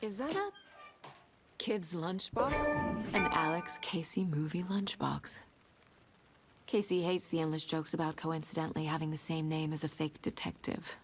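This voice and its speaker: An actress playing a composed female FBI agent in a video game, speaking calmly and observantly. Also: sits low, measured pace, soft background music. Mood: musing. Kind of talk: video game dialogue and inner monologue.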